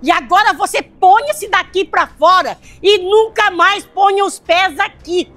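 A woman's voice: very high-pitched, unhurried, fairly bright tone. A woman with a Brazilian accent playing a protective, fiery mother who scolds sternly. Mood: scolding.

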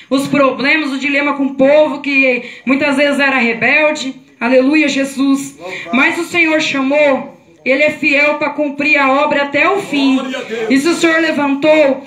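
A woman's voice: high voice, fairly bright tone. A woman preaching at a home worship service, fervent and full of hallelujahs, speaking into a handheld mic. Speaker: hostess giving a short sermon. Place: small room in a house, home service. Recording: roomy echo, phone camera far off.

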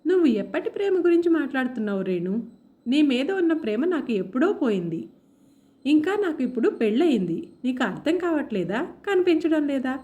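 A woman's voice: high voice, sing-song, a little fast, highs cut off. A woman voicing an angry, bitter young man. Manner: shouting, accusing.

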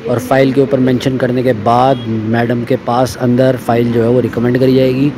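A man's voice: medium pitch, completely flat delivery, normal speed, crowd noise. A middle-aged man from India narrating a casual travel vlog, chatty, talking to viewers as guys and brother while filming on a phone. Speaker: vlogger. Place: car on a hot highway and clinic. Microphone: phone camera held by the filmer. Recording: phone audio with outdoor noise.

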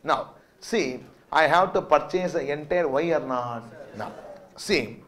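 A man with a South Indian accent and a notably high voice gives a classroom lecture. He explains step by step, throwing out rhetorical questions and frequent check-ins as he goes. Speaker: accountancy teacher.

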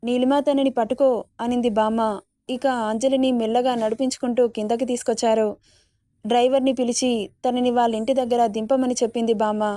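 A woman storyteller reading a romance aloud in a steady, even delivery. Her voice sits a little high, with a flat melody and a mellow, dark tone. The recording is close and dry. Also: a little fast, no room sound. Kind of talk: scripted story narration.

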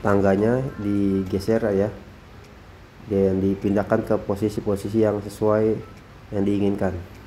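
A man narrating his drone footage as a voice-over, calm and unhurried, often tagging sentences with a soft "ya". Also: lowish voice, soft background music. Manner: calm, repeats phrases, frequent tag "ya". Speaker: drone vlogger.

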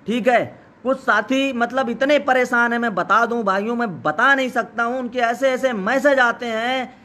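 A man with a very high, bright and strained voice gives a rallying live speech. He sounds hoarse from days of shouting, urges his listeners insistently, and repeats the same call again and again. He speaks like someone running a protest. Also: moderate pace, slight background noise. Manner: urgent, exhorting, repetitive. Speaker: protest organizer. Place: outdoor protest site.

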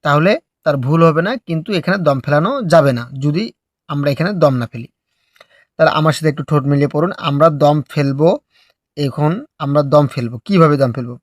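A man teaching recitation step by step, explaining slowly and patiently before drawing out each phrase in a melodic chant. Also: on the high side, no echo, clean studio sound.

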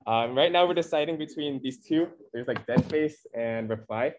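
A man's voice: medium pitch, moderate pace, noisy background. A young man from California, the club's co-president, presenting at a meeting in a rambling, upbeat way full of fillers. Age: young adult. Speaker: club co-president. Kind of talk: casual club meeting talk.

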